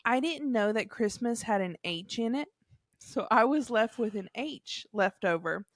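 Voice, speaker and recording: A woman's voice: fairly high pitch, animated, measured pace, dry recording, clean studio sound. A woman, co-hosting a casual podcast and reading stories aloud with small laughs. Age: 30s. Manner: amused, laughs between lines. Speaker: podcast co-host.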